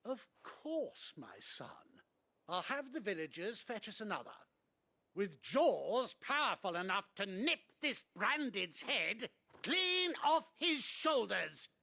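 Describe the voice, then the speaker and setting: A man's voice: high voice, sing-song, slow pace, gravelly, pushed and bright, heavily acted. A man playing a haughty, sneering, cruel nobleman father in a video game, pompous and indignant in manner. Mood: smug indulgence.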